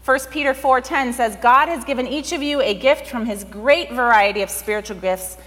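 A woman's voice: on the high side, normal speed, fairly bright tone. A woman pastor giving a sermon in a conversational way, often saying "like". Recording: long hall reverb.

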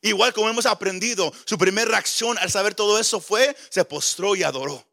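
A man's voice: high-pitched, brisk, creaky, pushed and bright. A male pastor preaching a sermon with impassioned delivery, often stammering over repeated words.

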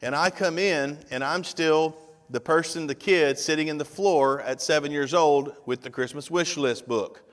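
A man's voice: fairly high pitch, moderate pace. A man in his fifties, a pastor preaching a conversational sermon with frequent direct asides to the congregation. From Tennessee. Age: 50s. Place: church sanctuary. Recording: long reverb of a church hall.

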